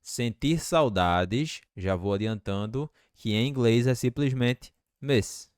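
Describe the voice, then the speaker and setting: A man teaching English in a lesson, slowly repeating example phrases. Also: mid-range voice, clean tone, dry recording, studio quality. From Brazil. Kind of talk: language lesson.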